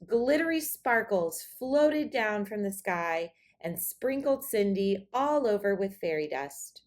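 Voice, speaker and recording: A woman reading a children's story aloud in an expressive, dramatic storytelling manner. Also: mid-range voice, slow pace. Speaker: storybook reader.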